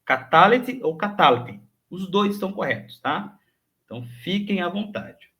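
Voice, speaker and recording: A man's voice: high voice, lively intonation, moderate pace, fairly bright tone. A man teaching a recorded lesson, patiently repeating each word and checking in with his students often. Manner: clears throat, thinks aloud with hesitations. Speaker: Hebrew teacher. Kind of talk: recorded online grammar lesson.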